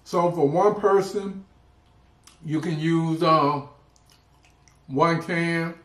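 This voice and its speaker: A man with a slightly high voice talks slowly and casually as the host of a food vlog. He pauses often mid-thought. The sound is roomy, with clear echo around his voice. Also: fairly even intonation. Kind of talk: casual mukbang chat while eating. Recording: roomy, echoing indoor sound.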